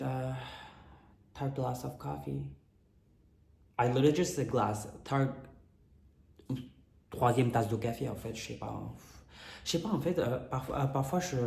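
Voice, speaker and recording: A young man with a cracked, hoarse, strained voice, chatting casually in a candid, slangy, rambling storytime vlog. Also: medium pitch, dark tone. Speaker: vlogger. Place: indoors in an apartment. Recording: echoey room.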